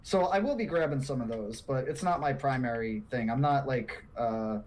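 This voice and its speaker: A man co-hosting a podcast in casual chat, animated and quick to laugh, often repeating words. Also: mid-range voice. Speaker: podcast co-host.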